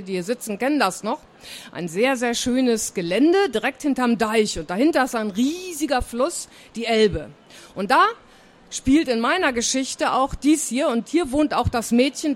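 A woman from northern Germany, a children's book author, talking simply and kindly to a young audience before a reading. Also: a little high. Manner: friendly, explaining simply to children.

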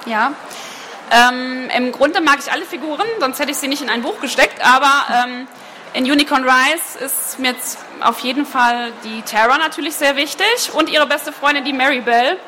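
A woman author reads her fiction aloud in a clear, even voice, then answers questions about it. Her voice sits a little high and sounds bright and crisp. Faint noise lies beneath it. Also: normal speed. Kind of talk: reading from her novel, then interview answers.

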